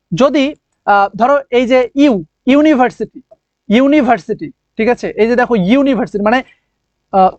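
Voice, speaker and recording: This online admission coaching lesson features a very high-pitched male teacher of English who answers his own questions to students and lingers on key words. The recording has no room sound.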